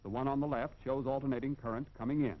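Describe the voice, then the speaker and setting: The narration for this 1940s industrial film comes from an American man with a mid-range voice, steady tone and quick pace. He reads the script formally and emphatically, in an instructive way, over a dull, band-limited vintage soundtrack.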